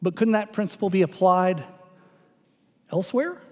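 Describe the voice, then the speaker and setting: A man's voice: high-pitched, normal speed. A man preaching a sermon to a congregation, earnest and questioning, often repeating his words as he goes. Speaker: pastor. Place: church sanctuary. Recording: dull sound with a long hall reverb.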